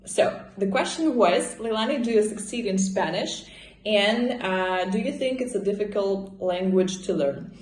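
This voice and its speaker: Answering viewers' questions in her vlog, a Russian woman speaks with a Russian accent in a relaxed, expressive way. Her voice is medium-pitched, slightly mellow and measured, and the recording carries a roomy indoor echo.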